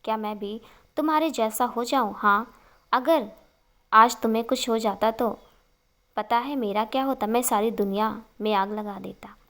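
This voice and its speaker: A woman's voice: fairly high pitch, unhurried, long pauses, sharp tone. A woman voicing a hot-tempered but tender young man who scolds his beloved. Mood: pleading. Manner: scolding, intense.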